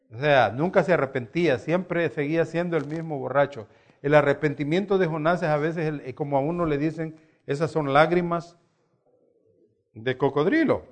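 Animated male preacher, higher voice. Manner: animated storytelling with acted quotes. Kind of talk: sermon.

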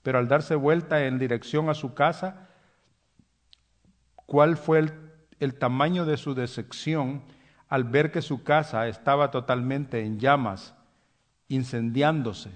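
A man preaching a sermon at an ordinary middle pitch. He often stops on fillers and restarts his phrases, and his closing words fall soft and low. He calls himself hasty by nature. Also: steady tone, slow pace, pauses often. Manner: hesitant fillers and restarts, drops soft at line ends; self-described hasty.

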